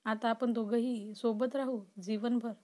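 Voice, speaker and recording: A woman's voice: fairly high pitch, fairly even intonation, a little slow, darkish tone, close to an everyday voice. A woman voicing an obsessive, possessive young man who swings between pleading and threatening in a storybook reading. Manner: pleading then threatening, intense.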